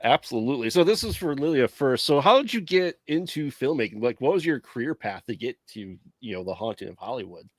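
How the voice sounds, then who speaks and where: A man's voice: mid-range voice, lively intonation, fairly quick, hardly any pauses, no room sound. A man from Chicago, hosting a podcast interview in an easygoing way and chuckling as he talks. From Chicago, US Midwest. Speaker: podcast host.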